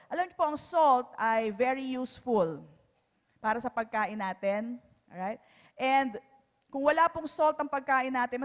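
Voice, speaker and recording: High-voiced woman preaching in a reverberant hall. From Philippines. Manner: mixes English and Tagalog, asks "Alright?" after each point. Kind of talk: sermon. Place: church hall. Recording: long reverb of a church hall.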